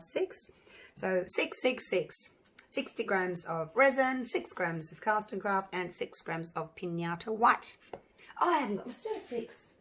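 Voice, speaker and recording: A resin artist hosts a casual crafting tutorial on her channel, her slightly hoarse voice medium-pitched and fairly bright. She chats and thinks aloud as she goes, with lots of ums and restarts.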